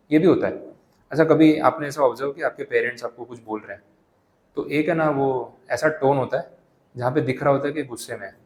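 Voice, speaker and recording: A young Indian man teaching a lecture class, explaining with everyday examples, asking his students questions and reading English text slowly. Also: a little high, echoey room.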